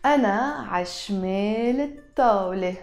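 A woman teaching a language lesson, saying each phrase carefully and then repeating it faster. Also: medium pitch, a little mellow, soft background music.

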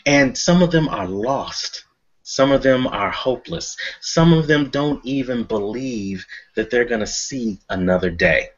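A man's voice: fairly low pitch, fairly bright tone. A middle-aged American man hosting a motivational show, emphatic and building his phrases by repetition. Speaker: talk show host and coach. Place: indoor room beside banner. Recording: dull lo-fi webcast.

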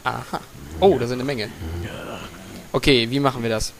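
A man giving gaming commentary, muttering to himself, swearing casually and yelling out repeated words when the action heats up. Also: medium pitch, moderate pace, vocal fry, slight background noise. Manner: excitable, yells and repeats words in a rush during fights. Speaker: let's player.

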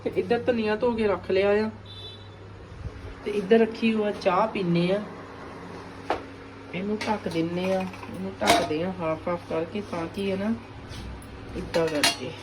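A woman's voice: medium pitch, fairly even intonation, a little slow, pauses often. A middle-aged woman with an Indian Punjabi accent chatting casually and colloquially as she vlogs while cooking at home. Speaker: family vlogger, mother. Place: home kitchen. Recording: clearly noisy home recording with clicks.

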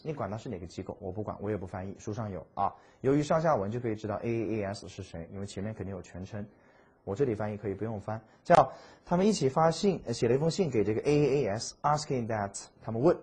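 A man teaching English vocabulary in a chatty exam-prep lecture, drawing English words out slowly. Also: mid-range voice, slightly rough. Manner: lively, chatty, stretches English words slowly to model them.

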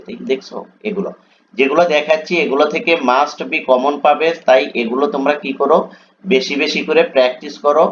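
A man coaching exam students, spelling out words letter by letter and checking often whether they follow. His voice sits at an ordinary middle pitch. The recording sounds dull and lo-fi, with a faint hiss of background noise. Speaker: teacher.

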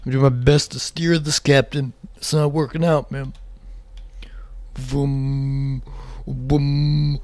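A man's voice: mid-range voice, smooth. A man giving casual, rambling let's play commentary, swearing often and talking to himself as he plays. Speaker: gaming channel host.

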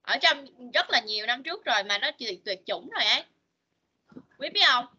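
A woman, an English teacher on a video call, patiently coaxing children and modeling words slowly for them to repeat. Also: a little high, animated, bright, forceful tone, breathy edge, dull audio. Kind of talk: online English lesson for children.

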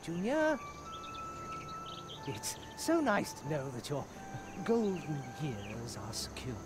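An aging mouse shopkeeper for a video game, as hammy as a stage actor. His grandiose patter swoops widely and trips over itself, with music clearly playing behind him. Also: on the high side, wildly swooping pitch, slow, full character voice. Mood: proud, doting. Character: theatrical aging mouse merchant, chatty doting father. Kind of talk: video game character acting.

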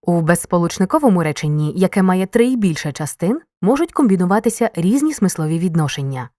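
A woman narrating a scripted grammar lesson, reading example sentences in a clear, measured way with marked intonation. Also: on the low side, sing-song, warm tone, no room sound, clean studio sound.

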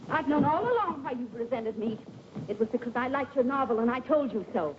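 Woman playing a wounded young writer wife, bright high voice, old muffled soundtrack. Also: lively intonation, a little fast, background noise, lightly acted. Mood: defiant. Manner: defiant, hurt. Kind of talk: 1940s film acting. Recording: dull old film soundtrack.

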